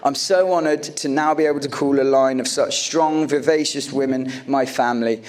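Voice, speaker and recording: A man's voice: medium pitch, steady tone, moderate pace, darkish tone. Groom in his late thirties giving wedding toast. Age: late 30s. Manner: affectionate, joking, sincere. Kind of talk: wedding toast speech to guests. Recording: live event with audience laughter. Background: wedding guests laughing and reacting.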